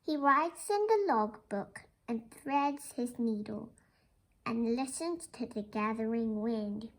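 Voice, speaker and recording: A young girl reads a children's picture book aloud, explaining it and asking questions like a little teacher. The female voice is a little high and slow-paced, and the audio quality is poor.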